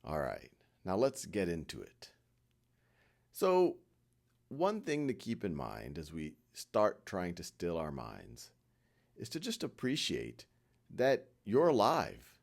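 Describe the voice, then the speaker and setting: This meditation guide is a man with a low, creaky voice whose pitch swoops wildly. He keeps a gentle, reassuring tone and leaves many pauses between his short directions.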